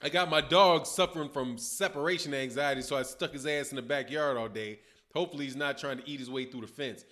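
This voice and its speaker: This time the Chicago-accented host speaks at a medium pitch, quickly and with a sharp tone. The middle-aged man runs a boxing livestream, reading viewer comments in relaxed, slangy conversation. He's at his desk in a dim room at home, recorded on a webcam.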